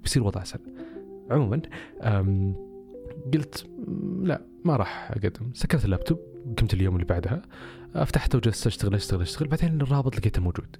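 A man's voice: fairly low pitch, lively intonation, very fast, long pauses, music in the background. A man telling a personal story casually on a podcast, with many rhetorical questions.

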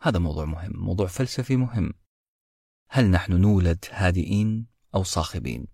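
A man with a deep, slightly husky voice narrates a book-summary podcast in a reflective, storytelling manner, speaking directly to his listeners. The recording is dry and close, with soft music playing underneath. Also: animated, fairly quick, no echo. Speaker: podcast host.

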